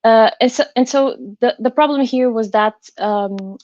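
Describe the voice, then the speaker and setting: Woman giving an online workshop, careful halting english, highish voice, dry slightly muffled sound. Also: darkish tone, dry recording. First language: not English. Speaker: designer presenting a workshop. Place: indoors on an online call.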